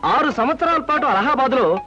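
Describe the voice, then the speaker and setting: An actor playing a smooth-talking male con man who flatters a customer with fake face reading. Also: very high voice, brisk. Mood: flattering. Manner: flattering and smooth, bossy to his servant. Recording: lo-fi film soundtrack with music.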